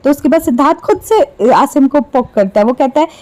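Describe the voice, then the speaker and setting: A woman's voice: high voice, lively intonation, a little fast, a little mellow, low-quality recording. A woman giving casual, sarcastic gossip commentary on reality show clips, taunting the people she talks about.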